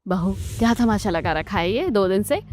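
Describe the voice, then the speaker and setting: A woman's voice: mid-range voice, lively intonation, normal speed, darkish tone, slight background noise, close to an everyday voice. A woman voicing a stern, bossy middle-aged mother-in-law in a cartoon story, speaking harshly. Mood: scolding.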